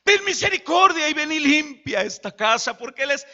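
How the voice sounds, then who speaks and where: A man voicing a desperate blind beggar who cries out in a high, pleading voice. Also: lively intonation, normal speed, gravelly, bright, forceful tone, highs cut off, heavily acted.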